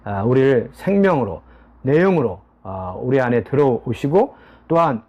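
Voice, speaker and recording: A man teaching a daily Bible study in an earnest preaching manner, often pausing on a drawn-out "ah". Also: mid-range voice, sing-song, muffled recording.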